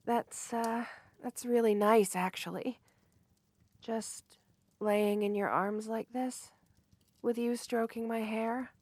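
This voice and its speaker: A woman acts out a romantic ASMR roleplay as a sweet, shy, earnest young woman, speaking in a high, unhurried voice with fairly even intonation. She sounds soft and nervous, gently flustered, often hesitating mid-phrase. The dry, intimate recording has no room sound.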